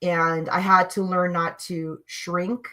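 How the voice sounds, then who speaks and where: A woman guest telling personal spiritual stories in an animated, emphatic way, swinging between hushed and loud. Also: lowish voice, takes it slowly. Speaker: guest sharing spiritual experiences. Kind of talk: conversational storytelling.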